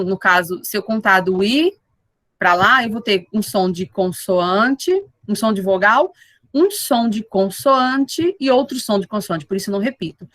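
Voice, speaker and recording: A woman teaching an English class online, with slow explanations, repeated model words and frequent checks with her students. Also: on the high side, a bit bright, dry recording, low-quality recording. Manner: checks in with the class often with tag questions.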